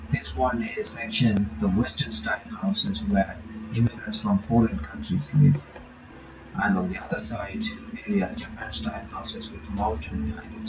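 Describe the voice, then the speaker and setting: A reaction channel host with a lowish voice reads a visual novel aloud and comments on it, stumbling over some words and breaking off for quick asides. The sound is roomy, with game music clearly audible behind him.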